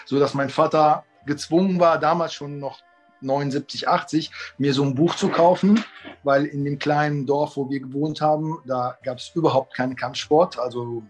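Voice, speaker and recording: Rambling middle-aged man, fairly high voice. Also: slightly rough. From Italy and Germany. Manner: rambling, many fillers and restarts. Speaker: kung fu teacher, guest. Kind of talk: casual interview talk.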